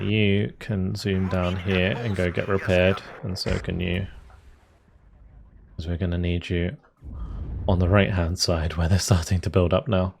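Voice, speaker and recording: A man's voice: deep voice, vocal fry, slight background noise. A man giving casual commentary on a strategy war game, thinking aloud through his tactical decisions. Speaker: gaming video host.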